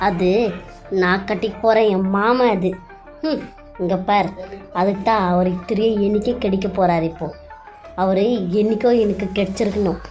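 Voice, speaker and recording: A woman's voice: mid-range voice, normal speed, darkish tone, soft background music, lightly acted. A woman voicing a spiteful, scheming young woman who taunts and sneers. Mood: scornful.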